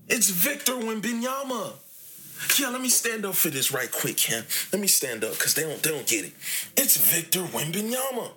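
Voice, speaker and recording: A man in his late twenties hosting a casual sports podcast, animated and talkative, his voice jumping up when he gets excited. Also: sits high. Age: 20s. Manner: animated, rises to near shouting when excited. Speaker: podcast host.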